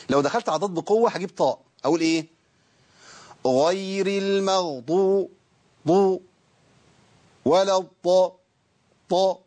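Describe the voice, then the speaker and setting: Egyptian guy teaching recitation on tv, talks super quick, kinda husky, stretches out the sounds to show them. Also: a little high. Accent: Egyptian Arabic. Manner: explains eagerly, drawing out sounds to demonstrate them. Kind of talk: televised teaching lesson. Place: television studio.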